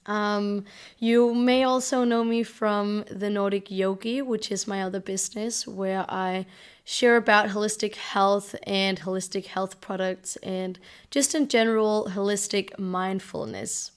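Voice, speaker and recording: A woman in her twenties from Denmark, hosting a podcast and talking in a gentle, reflective way. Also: medium pitch, fairly even intonation, unhurried, smooth. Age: 20s. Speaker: podcast host. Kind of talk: casual solo podcast talk.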